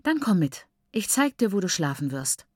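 A prim, chattering mother, voiced by a woman reading a novel aloud. She lectures on manners in a brisk, falsely cheerful tone, pitched a little above the reader's own low voice. The recording is close and dry. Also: big pitch swings, no echo. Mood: coaxing.

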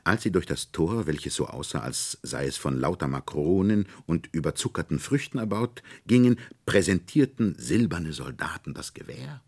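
A man narrating a fairy tale audiobook with expressive, lilting storytelling and dramatic slowdowns. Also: deep voice, slightly rough.

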